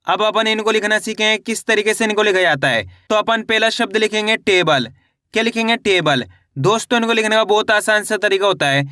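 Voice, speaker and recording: A man teaching reading, slowly sounding out syllables and repeating each word in a question-and-answer drill. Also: high-pitched, pushed and bright, dry recording, clean studio sound. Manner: addresses viewers as friends. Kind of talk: step-by-step spelling lesson.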